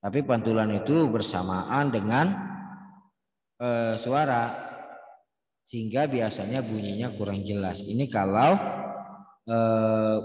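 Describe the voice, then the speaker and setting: A man teaching a science lesson in a relaxed, chatty way. He sometimes shouts out sample sounds to demonstrate. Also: on the low side, slightly rough, no room sound. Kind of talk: casual classroom explanation.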